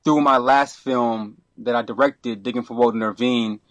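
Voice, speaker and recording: A middle-aged man from Brooklyn, a podcast guest who talks in a relaxed, rambling way, full of restarts and you-knows. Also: mid-range voice, normal speed, no echo. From Brooklyn, New York. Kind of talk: casual interview.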